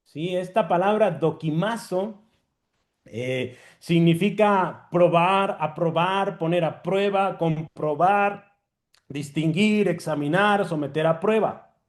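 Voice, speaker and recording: A male preacher delivering a teaching sermon, repeating key words slowly and often checking in with the listeners. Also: sits high.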